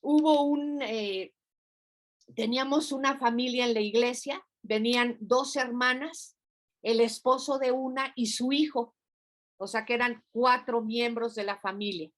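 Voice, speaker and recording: A woman's voice: fairly high pitch, fairly even intonation, a little slow. Older woman pastor preaching. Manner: conversational, acts out prayers and dialogue. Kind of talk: informal sermon.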